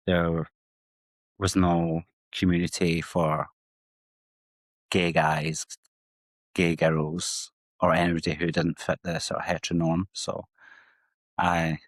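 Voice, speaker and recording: A psychotherapist from Scotland's west coast appears as a guest on an interview podcast, speaking candidly and reflectively about his own past. He has a deep voice, and the recording is dry.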